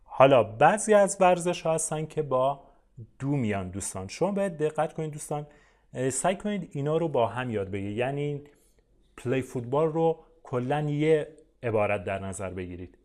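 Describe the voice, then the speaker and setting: A man whose first language is Persian teaches English in an online lesson, voice at an ordinary pitch. He talks to his viewers in a friendly, explaining way, with frequent "uh"s. He says each English example slowly, then repeats it. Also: very animated, darkish tone.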